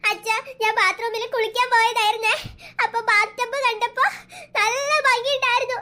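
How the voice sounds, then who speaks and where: Scared little cartoon girl, whiny, bright and squeaky, played by a voice actor. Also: level tone, normal speed, full character voice. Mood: tearful. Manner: whiny, tearful storytelling. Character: frightened little cartoon girl, tearful and stubborn. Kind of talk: cartoon voice acting.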